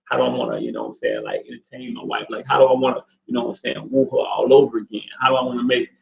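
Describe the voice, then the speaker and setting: A man in his forties chats in a loose, rambling way, full of fillers, as he co-hosts a talk show at home. His voice sits at a middle pitch. It bounces around an echoey room on a dull, lo-fi recording. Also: huge pitch swings, racing, vocal fry. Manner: laid-back, rambling, lots of fillers. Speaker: co-host. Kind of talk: casual couple chat.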